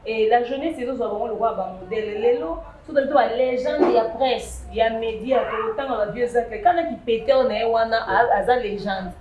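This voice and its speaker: A woman, chatting lively on a talk show panel, with emphatic bursts. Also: a little high, normal speed, few pauses, dull audio. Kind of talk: casual chat show commentary. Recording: echoey room with faint noise.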